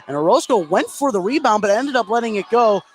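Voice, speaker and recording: Sitting high in pitch, this American man talks fast and expressively while delivering live play-by-play of a basketball game. Gym noise is clearly audible behind him in the loud arena.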